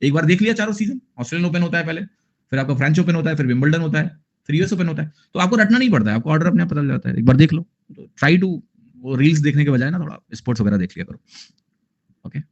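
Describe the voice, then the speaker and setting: A man in his thirties with an Indian accent teaches an online math class in a quick, expressive, fairly high voice, captured on a muffled recording. He's chatty and jokey, mixing Hindi with English phrases.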